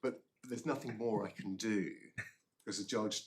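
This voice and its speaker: A man arguing an appeal as a barrister, formally, halting and often repeating words. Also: on the low side, a little hiss or hum. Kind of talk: formal courtroom legal argument.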